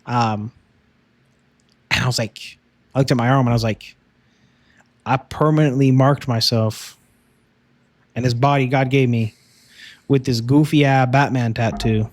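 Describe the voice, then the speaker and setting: A man's voice: medium pitch, fairly even intonation, unhurried, pauses often, no echo. A young man co-hosting a faith podcast, telling his testimony in an earnest, casual way with frequent "um" and "like". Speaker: podcast co-host.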